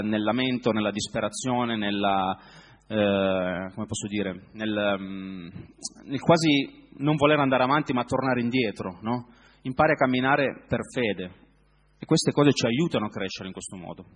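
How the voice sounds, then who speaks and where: A man preaching a sermon in a reflective way, often pausing to search for words. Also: fairly low pitch, long reverb tail.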